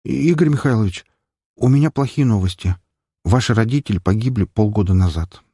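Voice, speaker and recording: A man's voice: a little fast, breathy edge, no echo, studio quality. A man voicing a flustered, evasive middle-aged male doctor who speaks in a nervous, raised voice. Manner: nervous, high-pitched and excited.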